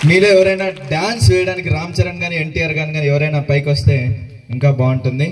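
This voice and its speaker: A man hosting a school event, loudly quizzing the children and singing along. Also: a little high, fast talker. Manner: loud energetic, quizzes the crowd. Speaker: event host and singer. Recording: far from mic, music and crowd behind.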